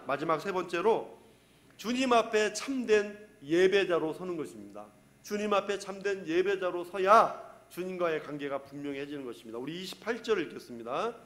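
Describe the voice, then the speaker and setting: A man's voice: high voice, very animated, normal speed, a bit bright. A middle-aged male pastor preaching a sermon with emphatic repetition and questions to the congregation. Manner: emphatic, repeats key phrases, asks the congregation questions.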